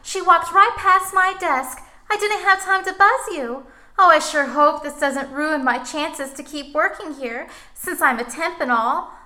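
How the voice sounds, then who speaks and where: A woman's voice: sits high, unhurried, pushed and bright. An actress playing an eager, anxious young female temp secretary who fusses over her boss. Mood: fretful. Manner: fretful and fawning.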